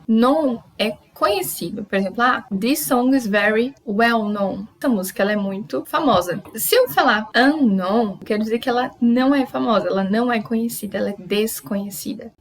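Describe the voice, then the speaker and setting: A young woman from Brazil teaches pronunciation on a video channel, her voice sitting a little high. She explains patiently and drills each example word slowly and clearly. She is recorded close to the mic in a quiet room at home. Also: poor audio. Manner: explains step by step, repeats model words slowly. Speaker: English teacher. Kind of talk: YouTube pronunciation lesson.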